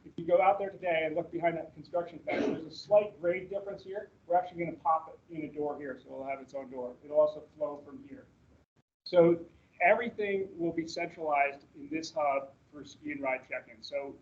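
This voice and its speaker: On a video call for a staff orientation, a man with a slightly high voice presents slides fairly quickly, speaking casually and rambling with fillers and restarts. He's in a meeting room with people present, and the audio has the dull, lo-fi sound of a recorded video-call meeting.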